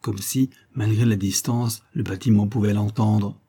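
A man reading a classic novel aloud as scripted narration in a steady, dramatic manner. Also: fairly low pitch, unhurried, breathy edge. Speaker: audiobook reader.

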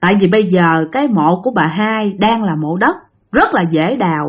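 A woman's voice: lowish voice, animated, moderate pace, breathy edge. Woman storyteller, Southern Vietnamese accent, chatty spoken ghost-story narration addressed to listeners.

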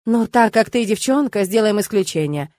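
A woman's voice: mid-range voice, lively intonation, normal speed, a little mellow, dry recording, close to an everyday voice. A woman reads out an irritable hunter in an audiobook romance. He is mocking and spiteful. The sound is dry and close.

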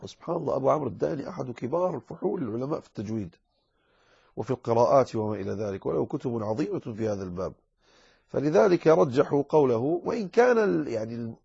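A man teaching the rules of Quran recitation in an explanatory lecture, slowing down to recite examples with drawn-out words. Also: medium pitch, expressive, gravelly, mellow, breathy edge, highs cut off.

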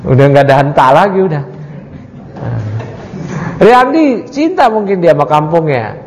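Lively high-voiced male religious teacher. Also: normal speed. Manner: reads Arabic then explains it in casual chat; jokes and quizzes the audience. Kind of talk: study-circle lesson on a creed text. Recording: long hall reverb.

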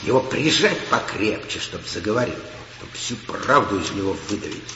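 A man's voice: lowish voice, animated, normal speed. A man playing a hard-hearted, suspicious soldier in a war drama, talking bluntly, insistently and colloquially. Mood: suspicious, pressing. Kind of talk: stage war drama dialogue. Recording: dull echoey hall, faint ambient noise.

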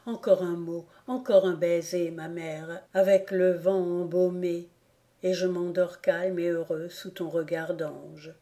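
A woman reading the part of a young boy who murmurs tenderly to his mother, in a hushed and soft voice, in an audiobook. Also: mid-range voice, completely flat delivery, normal speed, few pauses, natural voice.

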